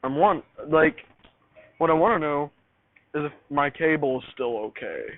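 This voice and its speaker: A slightly high male voice at normal speed, with no echo, chats off the cuff while working on gear. The speaker, an amateur vlogger showing his home radio studio, mutters and repeats phrases as he troubleshoots. Audio is phone-like and tinny with background hiss.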